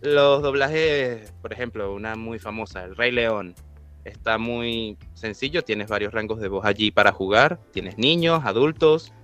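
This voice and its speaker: Relaxed man explaining voice acting. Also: fairly low pitch, a little slow, clean tone, soft background music. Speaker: voice actor guest. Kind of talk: casual podcast conversation.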